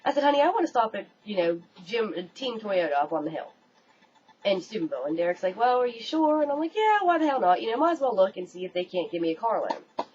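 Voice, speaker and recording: A young American woman telling a story to her webcam in an animated, casual way, swearing freely. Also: medium pitch, fast. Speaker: vlogger. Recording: dull lo-fi webcam audio, faint room noise.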